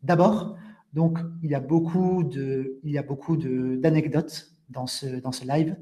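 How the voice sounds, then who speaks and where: Mellow-voiced man teaching a live online lesson. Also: mid-range voice, steady tone. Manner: interactive, addresses viewers in the chat; explains slowly with frequent restatements. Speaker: French teacher hosting a webinar.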